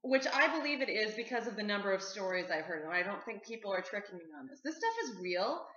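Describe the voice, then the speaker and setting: A woman host with a bright, lively voice that swings up and down, eager and quick to laugh. The chat is recorded in an echoey room with a slightly muffled sound. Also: mid-range voice. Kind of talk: casual interview chat.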